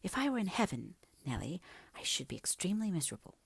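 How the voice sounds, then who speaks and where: Lady reader doing a headstrong young gentlewoman, dramatic and breathy, pours her heart out, close dry sound. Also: on the low side, sing-song, quick pace, no echo, voice pushed up, heavily acted. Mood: wistful, confiding. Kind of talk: dramatic audiobook character reading.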